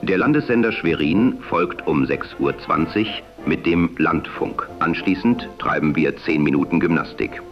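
Deep-voiced man, vintage AM radio announcer. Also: a little slow. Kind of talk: 1940s AM radio announcing, formal programme preview. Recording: dull band-limited old radio sound. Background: music.

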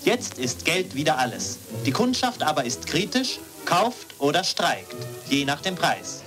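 A man's voice: fairly high pitch, wildly swooping pitch, measured pace, fairly bright tone. A man narrating an old newsreel in a chipper, sing-song announcer delivery, heard from an archival newsreel soundtrack. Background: music.

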